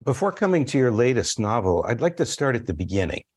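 A man hosting an interview, reading an introduction and asking measured, formal questions. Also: mid-range voice, very animated, a little mellow. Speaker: interviewer host.

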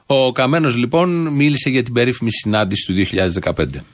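A man hosting a show, bantering in a mocking way and chuckling as he talks. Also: mid-range voice. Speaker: show host. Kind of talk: casual satirical chat.

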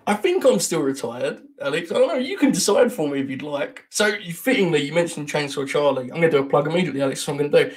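British male guest, quick talker, rambling and self-deprecating, a touch higher voice. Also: lively intonation. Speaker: podcast guest. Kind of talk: casual chat.

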